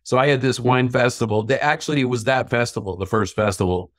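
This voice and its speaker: A middle-aged man telling lively anecdotes in a casual interview about his sangria business. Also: mid-range voice, fast, no room sound, clean studio sound. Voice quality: self-described stubborn Irishman. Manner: chatty anecdotal storyteller, acts out quoted voices. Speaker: sangria company owner.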